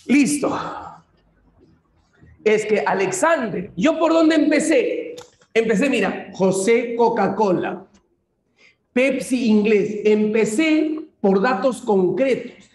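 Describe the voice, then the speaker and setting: A man's voice: very high voice, animated, takes it slowly, long pauses, darkish tone. A man with a Peruvian accent teaching an online class, working through a logic puzzle step by step and repeating his cues to coax students along. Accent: Peruvian Spanish. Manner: repetitive, coaxing, keeps saying "mira" and "sigue". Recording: echoey room.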